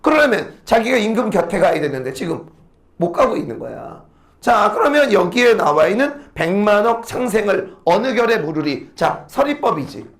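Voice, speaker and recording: Animated male teacher, quizzing his class. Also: sits high, creaky. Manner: lively, talks in rhetorical questions and answers them, blunt slang. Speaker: Korean literature teacher. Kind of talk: lecture to students.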